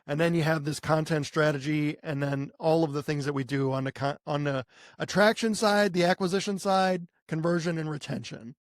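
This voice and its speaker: An American man who owns a marketing agency co-hosts a podcast, talking casually in a fairly high voice at a normal speed. The recording is dry with clean studio sound. He is conversational, posing rhetorical questions and voicing imagined clients.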